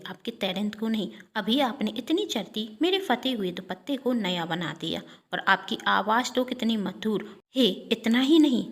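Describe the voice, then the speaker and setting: A woman voicing a remorseful young woman. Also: mid-range voice. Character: proud young woman who apologizes.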